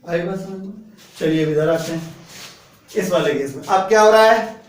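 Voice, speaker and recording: Male physics teacher, high voice, step-by-step classroom explanation, echoey room, slightly distant mic. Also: normal speed. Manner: explains step by step, keeps checking students follow. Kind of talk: classroom lecture.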